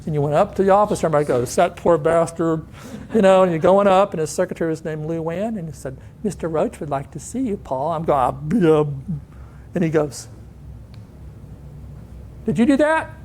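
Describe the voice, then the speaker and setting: A man in his sixties tells stories to a conference audience with a slightly high voice. He swings into animated voices for the people he quotes. Faint noise sits under the recording. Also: fast talker. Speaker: conference speaker. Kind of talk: storytelling talk. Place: conference hall.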